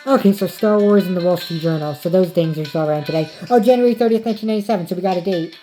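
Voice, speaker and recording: A woman's voice: on the low side, rapid-fire, dark tone, faint music behind. A woman giving casual reaction commentary over a video as host.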